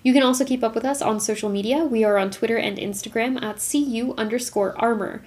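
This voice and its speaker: A young woman co-hosting a podcast in casual chat, lively and quick to laugh. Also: on the high side. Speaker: podcast co-host.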